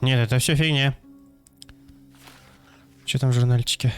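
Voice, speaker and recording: Soft background music accompanies a young male streamer's easygoing let's-play commentary on a detective game, full of mumbling, wisecracks and thinking aloud. His mid-range voice is smooth, with fairly even intonation and a moderate pace.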